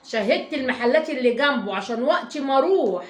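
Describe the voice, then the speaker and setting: Fast-talking Egyptian mother vlogging. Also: high-pitched, expressive. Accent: Egyptian Arabic. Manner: rambling, emphatic, swears oaths, addresses viewers fondly. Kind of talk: casual chatty storytelling to viewers. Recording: echoey room, faint background noise.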